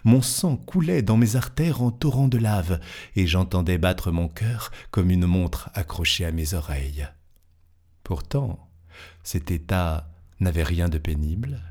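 A man reading a classic fantastic tale aloud in a measured, expressive way, lingering over descriptions. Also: deep voice. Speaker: narrator.

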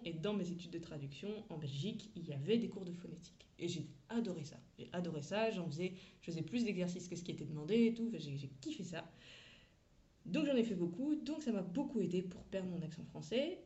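Mellow low-voiced woman teaching casually. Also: lo-fi sound. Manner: chatty and frank, with slang and asides. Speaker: English teacher.

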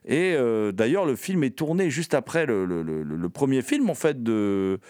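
A man's voice: medium pitch, sing-song, measured pace, a little mellow, no room sound, clean studio sound. A man hosting a film program, reviewing a classic film in an unscripted, hesitant way, full of fillers and restarts.

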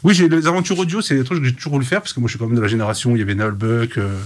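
A man who works as a voice actor, chatting in an interview and telling stories with enthusiasm. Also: mid-range voice. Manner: rapid, enthusiastic storytelling. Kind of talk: casual interview chat.

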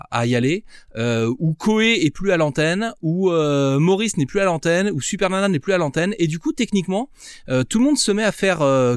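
A man's voice: a little high, smooth, dry recording, clean studio sound. A man reminiscing in a casual remote chat, reflective and hesitant, with many fillers. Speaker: podcast guest. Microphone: remote recording.

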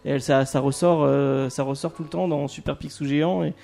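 A man's voice: on the high side, fairly even intonation, a little fast, gravelly, mellow. A man in casual chat, hesitant with many fillers and casual swearing.

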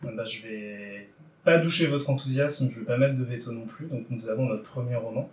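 A man's voice: medium pitch, moderate pace, distant mic, slight background noise. A man hosting a podcast segment, talking in a playful, wordy, teasing way. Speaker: podcast host running a book draw. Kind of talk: casual podcast chat. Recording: roomy, a little off-mic.

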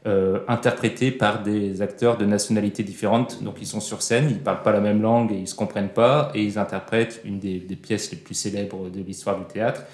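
A man's voice: fairly low pitch, fairly even intonation, brisk, hardly any pauses, darkish tone. A man hosting a casual film discussion, talking with frequent fillers and restarts. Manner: hesitant, with many fillers and restarts. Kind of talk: casual film review chat. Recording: roomy echo.

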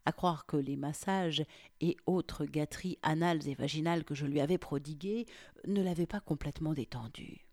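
A woman reading an erotic story aloud in a hushed, half-whispered delivery, close to the mic. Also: low-pitched, moderate pace, no room sound. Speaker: narrator.

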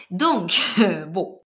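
A woman's voice: fairly low pitch, pushed and bright. A woman co-hosting a casual podcast chat, playful and giggly, with joking asides. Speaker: podcast co-host.

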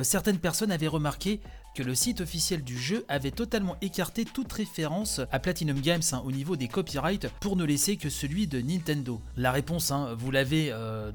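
A man hosting a gaming news podcast, talking casually with many small fillers. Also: fairly high pitch. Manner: chatty, many "hein" and "euh" fillers.

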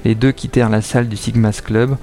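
A man giving scripted narration of an audio drama in a steady storytelling manner. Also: fairly low pitch, fairly quick, faint music behind.

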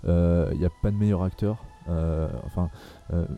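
A man's voice: low-pitched, steady tone, normal speed, narrow, tinny audio. A young man hosting a casual film podcast, talking hesitantly with many fillers and restarts. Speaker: podcast host.

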